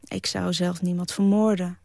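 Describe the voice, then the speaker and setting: Woman writer on a radio show, gravelly edge, keeps restarting, dry studio mic. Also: on the low side, flat delivery, normal speed, darkish tone, no room sound. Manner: earnest, emphatic, with many restarts. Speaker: writer and guest. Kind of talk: radio talk show interview.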